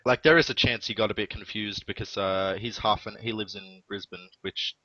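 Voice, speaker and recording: A man commentates on the match in an easygoing, matter-of-fact way. His voice is fairly low yet bright and forceful in tone. The sound is dry and a little dull, as from a cheap headset mic. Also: steady tone, normal speed, no echo. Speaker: esports caster. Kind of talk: casual live game commentary.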